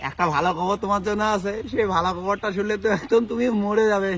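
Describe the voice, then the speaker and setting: A man acting as a bickering husband in a comedy sketch, sugary on the surface and spiteful underneath. The voice is high for a man, with faint background noise. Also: steady tone, fast, fairly bright tone. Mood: mock-sweet. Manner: sugary endearments wrapped around insults. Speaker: comic sketch actor. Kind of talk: comic family sketch.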